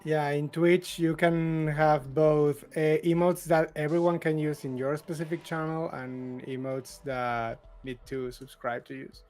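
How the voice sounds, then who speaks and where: A man's voice: a little high, flat delivery, a little slow, hardly any pauses, a little mellow, faint music behind. A man chatting on a game stream as a guest, laughing often and restarting his sentences. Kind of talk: casual chat on a stream.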